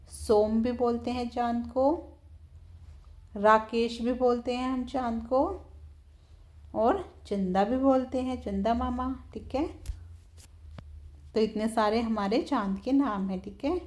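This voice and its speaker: A woman teacher, patiently explaining a textbook lesson to young children, often slowing down to repeat words. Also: on the high side, a little mellow. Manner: patient, repeats words slowly, keeps saying "theek hai".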